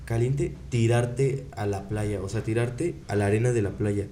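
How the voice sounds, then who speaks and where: Young mexican dude cohosting, goofy rambling stories, mellow warm tone. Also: male voice, fairly low pitch, moderate pace, a little hiss or hum. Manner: joking, rambling storyteller. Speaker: co-host. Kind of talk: casual comedic chat.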